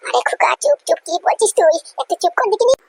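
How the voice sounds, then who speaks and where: Fretful mum played by a woman, very high voice, pleading and hushing. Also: animated, fast, dry recording. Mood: anxious. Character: anxious mother hushing her son.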